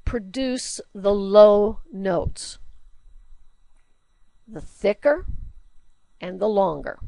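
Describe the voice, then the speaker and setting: In a slightly mellow voice with no room sound, a woman teacher presents a recorded slide lecture. She's conversational, explaining things with everyday examples and questions, and says her singing voice is a low alto.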